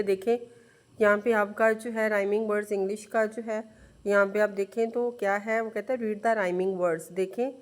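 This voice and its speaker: A woman teacher giving an online English lesson to young students. She explains patiently, often asks questions, repeats words, and mixes Urdu-Hindi with English words. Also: mid-range voice.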